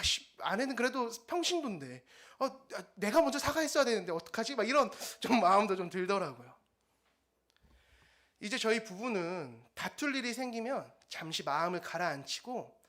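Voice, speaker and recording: A young man, a junior pastor, preaching a dawn service sermon in a church and telling his own story with lively acted-out dialogue. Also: extremely high pitch. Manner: animated storytelling, acting out quoted dialogue. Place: church sanctuary.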